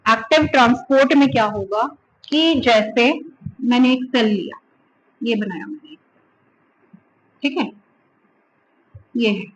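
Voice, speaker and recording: Woman teacher, high voice, scolds and teases, explains by everyday examples in a class lecture. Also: unhurried, pauses often, dull audio, a little hiss or hum.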